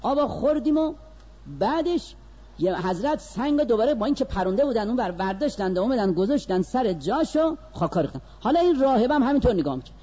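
A man preaching in a storytelling lecture, his voice sitting high and leaping up and down as he narrates. He lingers on slow, weighted phrases and then rushes through asides. The sound is dull and lo-fi. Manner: animated, swings between slow stressed phrases and quick asides. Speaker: religious lecturer.

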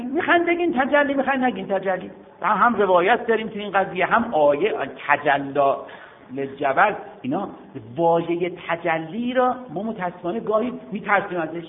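A man teaching religious philosophy in a lecture, posing questions and answering them himself. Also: high-pitched. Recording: phone-like lo-fi audio with faint noise.

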